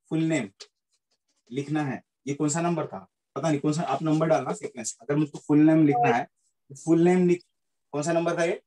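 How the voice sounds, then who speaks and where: A man's slightly high, dark voice comes through a low-quality recording as he lectures on physics in Hindi and English. He keeps repeating points and asks whether the students are following.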